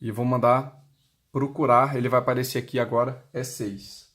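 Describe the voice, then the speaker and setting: A man selling intercoms gives an unscripted, step-by-step demonstration in a plain, instructional manner, with a Brazilian Portuguese accent. His voice is medium-pitched and fairly bright, with a level tone at normal speed. Clicks and clear noise mark the recording.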